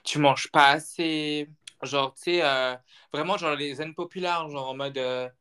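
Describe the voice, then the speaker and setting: A man's voice: on the high side, steady tone, unhurried, pushed and bright, clean tone. Chatty young man hosting a podcast. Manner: chatty, many fillers like genre, mixes in English. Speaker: podcast host. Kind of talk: casual podcast chat.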